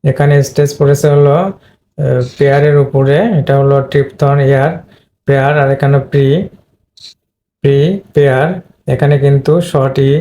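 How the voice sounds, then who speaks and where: Male pronunciation tutor, flat delivery, mellow tone, drills words repeatedly. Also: medium pitch, brisk, a little hiss or hum. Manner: repetitive, drills words over and over. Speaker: English pronunciation teacher. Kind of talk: online lesson explaining word stress.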